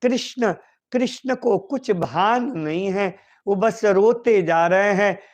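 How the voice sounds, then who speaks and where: Slow emotional male devotional storyteller. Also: high-pitched. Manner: emotional, drawn-out, repetitive. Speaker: preacher.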